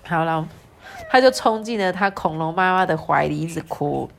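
A woman's voice: fairly low pitch, moderate pace, gravelly, background noise. Chatty woman reading a storybook. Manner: chatty, lively, adds asides. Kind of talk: reading a picture book aloud to a child.

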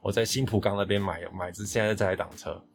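A man from Hong Kong speaks Mandarin with a Taiwanese accent, hosting a relaxed podcast. He talks fast and chattily, often laughing, in a somewhat low voice. Faint music plays underneath. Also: creaky. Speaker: podcast host. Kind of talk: casual chat.

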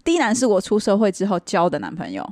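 A young woman, chatting casually and telling animated stories, often laughing. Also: fast talker, no echo, studio quality. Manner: animated, laughing often, quoting people in a lower voice. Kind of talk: casual chat, storytelling about ex-boyfriends.

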